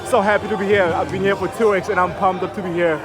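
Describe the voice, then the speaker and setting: Fast, upbeat man from South Africa. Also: high-pitched, flat delivery. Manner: upbeat, pumped-up. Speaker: host DJ on a cruise ship. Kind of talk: casual vlog interview. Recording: very loud music and crowd behind.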